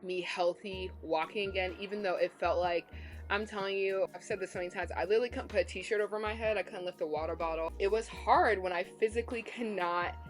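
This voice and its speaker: A woman's voice: medium pitch, fairly even intonation, a little fast, faint music behind. A young woman vlogging to camera in a frank, chatty way, peppering her talk with "like" and casual swearing. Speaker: beauty vlogger.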